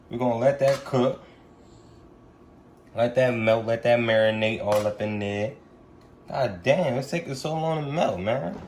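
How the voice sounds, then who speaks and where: In an echoey room and far from the mic, a young man speaks at a medium pitch over slight background noise. He's a vlogger cooking for his family in his home kitchen, keeping things casual and slangy and often asking "you feel me?" during this relaxed cooking vlog chat.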